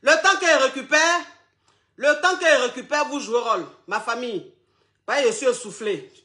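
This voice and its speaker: A man hosts a playful online show, breathless and full of teasing laughter. His voice sits very high and sounds bright and forceful. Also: moderate pace. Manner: flamboyant, teasing, laughs often, calls viewers "my loves". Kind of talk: playful live chat with viewers.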